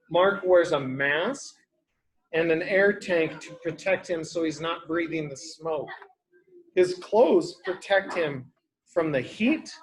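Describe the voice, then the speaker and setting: A man with a fairly high voice reads a picture book aloud to young children, and the recording is rough. Like a teacher, he explains things in simple, repeated words and asks them questions.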